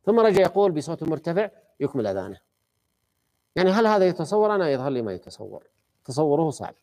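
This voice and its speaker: Fast-talking man teaching a class. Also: a little high, sing-song, warm tone. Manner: conversational, quizzes the class. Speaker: teacher of a study circle. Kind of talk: explaining a classical text to students.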